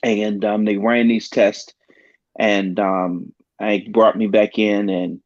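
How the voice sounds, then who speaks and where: Speaking low with little pitch movement, the pastor recounts something from his own life, sincere but hesitant and frequently stopping on "um." The audio is dry, dull and lo-fi like a talk show, with no sense of a room.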